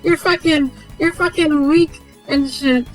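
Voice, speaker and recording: A cursing, dismissive short trainer with a raised, squeezed-up voice, as a woman puts him on while retelling a game. He brushes off newcomers in rough slang. Faint music sits behind. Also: high-pitched, fairly even intonation, a little slow. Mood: gruff, dismissive.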